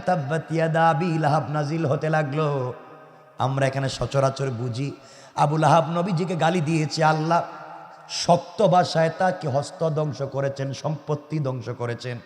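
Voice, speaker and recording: A man preaching a sermon in a high voice, his words ringing through a large echoey hall with a long reverb. He swings from loud shouts down to low, intense speech. He keeps pressing his listeners with rhetorical questions. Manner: asks the audience rhetorical questions. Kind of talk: Islamic sermon.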